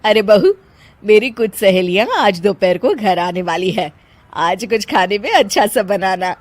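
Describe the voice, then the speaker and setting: A stern, touchy mother-in-law, put on by a woman who scolds loudly in a cartoon story. She speaks slowly, and her pitch rises and falls a lot. The sound is close and dry. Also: expressive, dry recording. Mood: scolding. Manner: scolding, raised voice. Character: stern older mother-in-law, easily offended.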